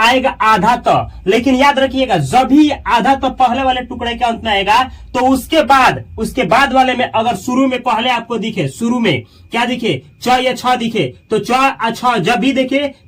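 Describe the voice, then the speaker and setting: A man's voice: extremely high pitch, fairly bright tone, recorded from a distance. A male teacher giving a step-by-step grammar lesson, repeating key points and constantly pointing things out. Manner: repetitive, explains step by step with frequent "dekhiye".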